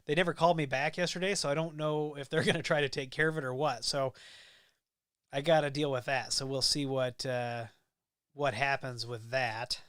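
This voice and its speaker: A man from the American Midwest, speaking with a Midwestern accent, hosts a relaxed livestream, going through viewer comments and rambling with many ums and restarts. His medium-pitched voice is fairly bright, clear and resonant, with fairly even intonation and normal speed, in a dry studio-quality recording.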